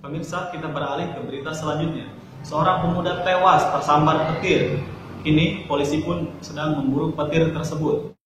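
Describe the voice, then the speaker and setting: A man's voice: on the high side, fairly even intonation, normal speed, a bit bright, close to an everyday voice. Heavily echoing man acting a parody news anchor. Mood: formal, earnest. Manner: formal, announcer-like. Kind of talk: mock news presenting. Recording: very echoey reverberant hall, noisy.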